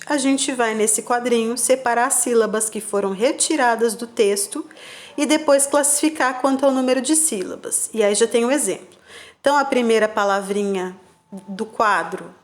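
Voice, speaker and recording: A woman teacher, giving patient, slow remote-class instructions to young children and spelling out syllables. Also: a little high. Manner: checks in with "tá bom?" and "combinado?". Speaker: primary school teacher.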